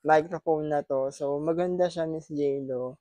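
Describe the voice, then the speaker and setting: A man's voice: on the high side, fairly even intonation, measured pace, dark tone, rough recording. A man from the Philippines chatting casually in an unboxing vlog, repeating his thanks and teasing playfully. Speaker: vlogger. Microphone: wireless clip-on microphone.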